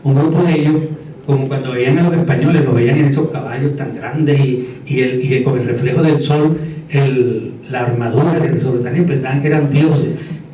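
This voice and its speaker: A man's voice: medium pitch, fairly even intonation, brisk. A man with a Puerto Rican Caribbean Spanish accent giving an informal conference talk, conversational, repeating words for emphasis and checking that listeners agree. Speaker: conference speaker. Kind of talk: informal conference lecture with asides. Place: echoey indoor conference room. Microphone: distant microphone. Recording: echoey room, distant dull mic, faint noise.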